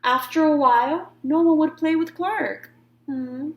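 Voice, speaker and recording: Reading a picture book to children, a storyteller dramatically stresses key words and tosses in informal asides. Her voice sits high at a measured pace, heard in an echoey room with dull audio.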